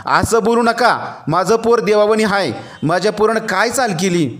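A furious village father bursts out in a raised, strained voice, as a male narrator acts him out. He is proud and quick to anger, and he pushes his words hard in a storybook reading. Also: high voice, voice pushed up. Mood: angry. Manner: loud, heated, defensive. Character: hot-tempered village man, proud father.

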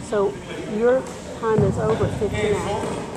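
A woman teaching a physical education class in a large gymnasium, briskly giving instructions, time warnings and praise to students. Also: medium pitch, steady tone. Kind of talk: coaching students in a gym.

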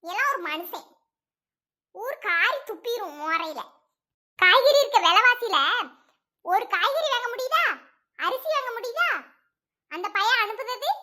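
A woman's voice: very high voice, pushed and bright, exaggerated voice. A woman playing a fed-up village wife who scolds her husband. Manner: scolding, sarcastic. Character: nagging village wife, sharp-tongued and fed up.

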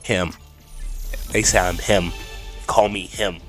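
Stuffed up from a cold, a young man streams gameplay from a room at home, chatting with viewers and talking to himself in casual commentary. He speaks slowly in a low, steady, slightly bright voice through a desk mic with a headset, while game music and effects play.

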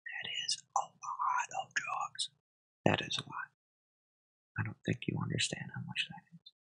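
A soft-spoken ASMR host in close-mic whispers, reading satirical headlines and adding dry deadpan asides. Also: measured pace, low-quality recording. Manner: reads headlines, then adds wry deadpan asides.

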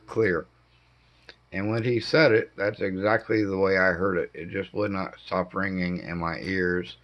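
A middle-aged man with a hoarse voice impaired by throat cancer treatment, giving a halting, casual update at home with many pauses. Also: sits low. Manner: slow, halting delivery with frequent ums. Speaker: homestead vlogger. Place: dim living room indoors. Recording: dull lo-fi camera audio.

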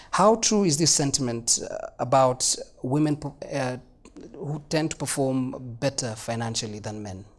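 A young man moderating a live panel discussion on an indoor conference stage, chatty and joking, with many fillers. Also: mid-range voice. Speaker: moderator and presenter.

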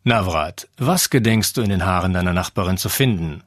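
Brief: hoarse volatile teacher in his fifties, barking sarcasm, put on by a male reader, low husky tone. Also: brisk, dry recording, clean studio sound. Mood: sarcastic.

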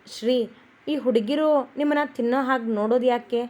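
A woman's voice: a little high, fairly quick, darkish tone, lightly acted. A woman reading an eager, jealous young wife.

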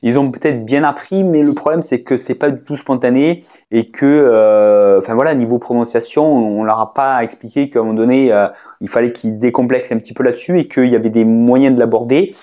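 A man's voice: mid-range voice, a little fast, warm tone. Hesitant French-speaking man teaching, lo-fi sound. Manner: hesitant, many fillers and restarts, conversational. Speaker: English teacher. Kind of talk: casual spoken lesson to camera.

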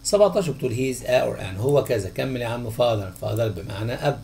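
A man with an Egyptian Arabic accent, a teacher going through textbook answers, who questions the class and then answers himself in a drawn-out voice. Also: mid-range voice, animated, creaky, warm tone, a little hiss or hum. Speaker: English teacher.

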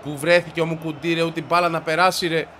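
A man with a stuffy, congested voice giving excited commentary as he plays a football video game, shouting and grumbling at the match. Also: a little high, a little hiss or hum. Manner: shouts and yelps at the game, frustrated outbursts. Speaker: gaming video creator.

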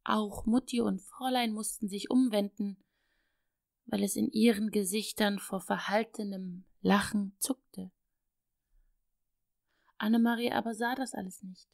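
A woman narrating a classic children's story, expressive and lively in her storytelling, dropping to soft whispers in tender moments. Her voice has a slight gravelly texture at a mid pitch. The studio sound is dry and close. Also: unhurried, pauses often, no echo. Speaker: audiobook narrator.

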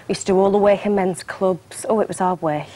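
A woman's voice: medium pitch, fairly even intonation, quick pace, warm tone. Bubbly young woman chatting on TV. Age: 20s. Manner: chatty, bubbly, laughs easily. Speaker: guest singer and actress. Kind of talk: casual chat on breakfast television. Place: television studio.

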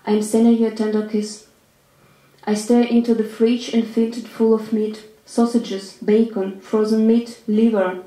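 A woman from Ukraine, a writer giving a measured, deliberate reading of her own literary prose. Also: mid-range voice, mellow. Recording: roomy echo.

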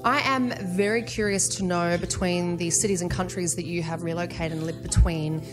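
A woman hosting an interview podcast, upbeat, enthusiastic and jokey, speaking into a studio boom mic. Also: steady tone, moderate pace, music in the background. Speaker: podcast host. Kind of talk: casual interview chat. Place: studio with neon-lit backdrop. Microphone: studio mic on boom arm.

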